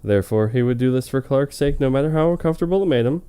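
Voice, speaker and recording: A smooth, mellow-voiced man races through fan fiction on a comedy web show, reading it in a hammy, mock-dramatic style. His medium-pitched delivery is animated, and he keeps stopping for amused, joking asides.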